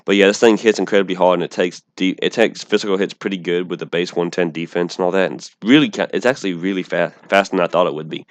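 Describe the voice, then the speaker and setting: Deep clear voiced guy rambling about game strategy, cant say his r's so they come out like w, keeps restarting sentences. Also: dry recording. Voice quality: speech impediment on R sounds, saying w for r. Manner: rambling, halting, with false starts and self-corrections. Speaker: online gamer presenting an opposing team. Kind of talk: casual unscripted game strategy commentary.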